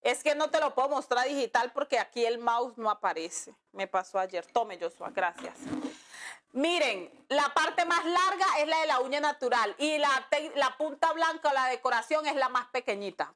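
The woman sounds high and a bit bright, talking at normal speed. As a nail art instructor teaching on a live stream, she keeps up a friendly chat with viewers, reads their comments, and uses terms like "mi amor" and "amiga" for them.

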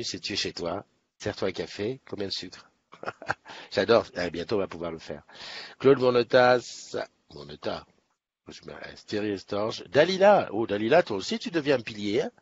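A man's voice: on the low side, slightly rough, lo-fi sound. A man hosting a casual morning live stream, chatty and upbeat, greeting viewers one by one by name. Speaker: livestream host. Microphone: webcam setup.

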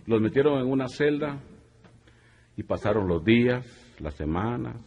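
A man's voice: mid-range voice, lively intonation, moderate pace, dull audio, a little hiss or hum. A man with a Guatemalan accent telling crude jokes in a casual storytelling way. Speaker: comedian.

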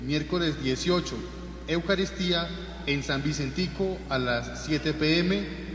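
Colombian priest in cathedral echo. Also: male voice, fairly high pitch, unhurried, a little hiss or hum. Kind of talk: liturgical prayer and parish announcements read from the lectern. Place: large church, indoors. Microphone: lectern microphone. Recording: echoey church with long cathedral reverb.

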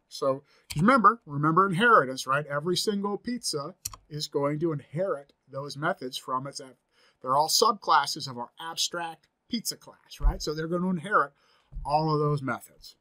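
A man's voice: fairly high pitch, expressive, moderate pace, pushed and bright. A man in his forties giving a screen-recorded coding tutorial from a home office, thinking aloud as he types, upbeat and chatty. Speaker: programming instructor.

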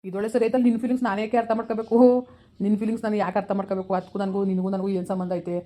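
Young village man, stern and curt, played by a woman; rural Kannada accent, flat monotone delivery. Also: medium pitch, very fast, natural voice. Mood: cold. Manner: curt, dismissive, repeats his refusal. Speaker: actor in a village skit. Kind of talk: village skit acting.

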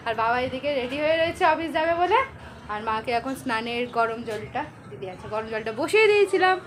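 A woman's voice: sits high, lively intonation, background noise. Chatty young woman vlogging. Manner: fast, chatty, teasing family asides. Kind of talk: casual home vlog chat. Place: family home kitchen and garden.

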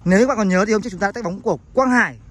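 A man's voice: high voice, racing, a bit bright. A man hosting outdoor football challenges, exclaiming as he gives instructions and urges the players on. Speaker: host running football challenges. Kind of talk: excited challenge commentary and instructions. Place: outdoor artificial-turf football pitch. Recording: noisy open-air recording.

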